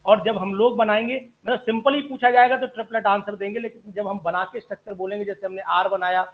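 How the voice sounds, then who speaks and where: Man, chemistry teacher, high voice, polite, online class, phone-like sound. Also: steady tone, a little fast. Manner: polite, addresses students as sir, asks questions.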